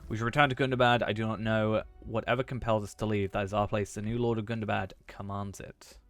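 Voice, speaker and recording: A man's voice: lowish voice, little pitch movement, quick pace, fairly bright tone. A man streaming a game, chatting casually and reading quest text aloud. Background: game music.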